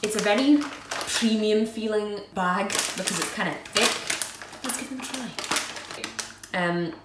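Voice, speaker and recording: A woman's voice: medium pitch, takes it slowly. Chatty woman in a roomy echo. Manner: chatty, self-deprecating, giggly asides. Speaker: food vlogger. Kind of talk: casual unboxing and tasting review. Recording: roomy echo, mic at a distance, faint noise.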